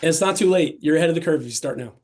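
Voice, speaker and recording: Brief: middle-aged man, eager interview guest, voice sits a bit high, quick restarts. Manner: energetic, enthusiastic, restarts sentences. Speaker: podcast guest, self-storage investor. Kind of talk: casual interview talk.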